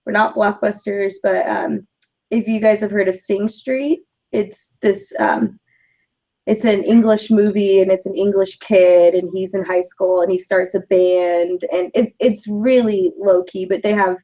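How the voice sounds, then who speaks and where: A chatty woman co-hosting a casual podcast, with a voice of middling pitch. Her talk is upbeat, with frequent laughter. The audio is a bit dull and lo-fi. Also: fairly even intonation, unhurried, mellow. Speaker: podcast co-host. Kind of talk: casual chat.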